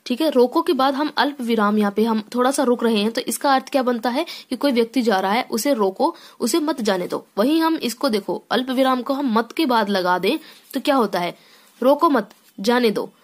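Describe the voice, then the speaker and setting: Hindi teacher explaining step by step. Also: female voice, on the high side, expressive, a little fast. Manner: explains step by step with frequent "theek hai" check-ins and restarts; reads sentences aloud then explains them. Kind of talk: classroom lesson explanation.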